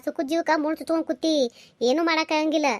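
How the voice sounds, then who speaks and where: A woman doing a fussing village mother, high and fast. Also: flat delivery, no room sound, lightly acted. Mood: coaxing. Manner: coaxing, nagging, talks over and over. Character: fussing village mother, older, caring and scolding. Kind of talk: cartoon voice acting.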